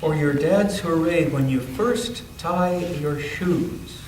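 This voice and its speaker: At a church story time, a man with a fairly high, darkish voice reads a picture book to children, breaking off for asides and pausing to ask them about the pictures. The church interior is roomy, and the recording is echoey, with a distant mic and background noise.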